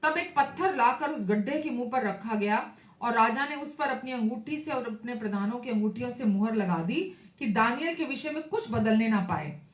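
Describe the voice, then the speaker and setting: A woman preaching a sermon, her voice sitting a little higher than most and ringing through an echoey room. She reads the scripture passage aloud and then explains it in her own words. She pauses often and breaks in with amens. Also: animated. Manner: frequent hesitations and amens. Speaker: pastor.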